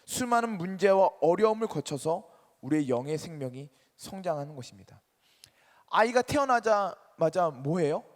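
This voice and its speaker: A man preaching to a college group, emphatic and questioning his congregation, his delivery swinging between loud and soft. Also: high-pitched, lively intonation, moderate pace. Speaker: pastor. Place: church sanctuary. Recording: reverberant church hall.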